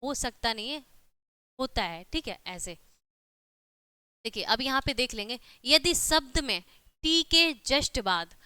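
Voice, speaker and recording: A woman's voice: sits high, animated, takes it slowly, pauses often, sharp tone, smooth, dry recording. A woman teaching an online exam-prep lesson, explaining step by step with frequent rhetorical questions and repeated check-ins.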